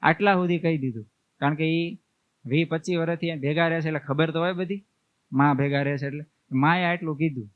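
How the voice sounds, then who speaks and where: Brief: male preacher, fairly high voice, folksy storyteller, narrow phone-like audio. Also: steady tone, a little fast, no room sound. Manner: homely storytelling, acts out family members' words. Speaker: swami preacher. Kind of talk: storytelling sermon. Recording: tinny, phone-like dry sound.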